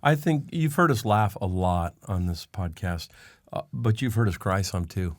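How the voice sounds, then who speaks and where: A man co-hosting a casual podcast chat, telling stories with lively quotes of other people. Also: sits low, moderate pace, no room sound, studio quality. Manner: storytelling, animated when quoting others. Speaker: podcast co-host. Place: lives in Canada.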